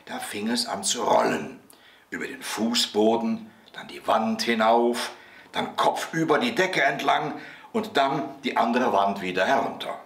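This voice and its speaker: A man reading a bedtime story aloud in a gentle, expressive way. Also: medium pitch. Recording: roomy echo.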